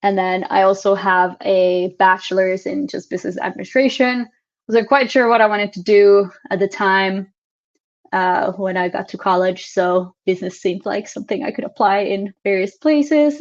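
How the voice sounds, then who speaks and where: A woman's voice: medium pitch, fairly even intonation, moderate pace, highs cut off. Chatty woman teaching over a video call. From Finland. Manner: friendly, chatty, with frequent filler sounds. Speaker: instructor. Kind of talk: casual classroom introduction over video call. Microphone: computer mic on a video call.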